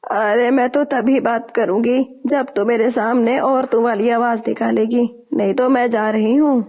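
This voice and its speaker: Cartoon mother-in-law bird, spiteful, bossy, gravelly high voice, a woman voicing her. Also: fairly even intonation, darkish tone, lightly acted. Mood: scolding. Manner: scolding, bossy. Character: old female sparrow, spiteful mother-in-law.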